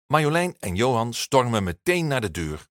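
A man narrating a children's storybook with an expressive, lively delivery. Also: medium pitch, normal speed, dry recording, studio quality.

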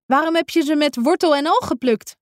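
A woman's voice: a little high, big pitch swings, unhurried, no room sound, clean studio sound. A woman voicing a cheerful, eager male friend in a children's story, with a chatty manner.

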